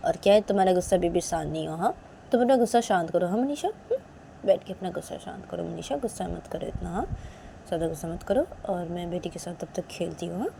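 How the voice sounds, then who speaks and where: In a storybook tale, a woman voices a playful young woman who wheedles and teases, pleading with repeated tag questions like "what is it?" and "haan?". Her own voice is lowish, mellow, and creaky, expressive and fast, with slight background noise.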